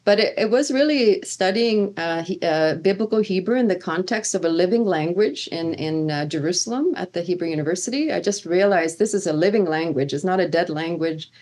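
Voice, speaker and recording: Brisk and barely pausing, this middle-aged woman from Sweden speaks in a lowish, darkish voice with lively intonation. A seminary professor of Old Testament, she answers interview questions earnestly, with frequent fillers and restarts.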